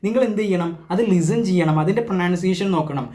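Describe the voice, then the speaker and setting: A man with a Malayali accent gives a lively spoken lesson on English pronunciation. His voice sits high and the words come quickly. He keeps asking and answering his own questions and drops English words into his sentences.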